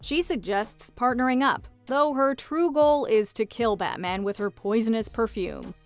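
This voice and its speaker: A woman's voice: on the high side, measured pace, music in the background. A woman narrating a scripted pop-culture countdown video.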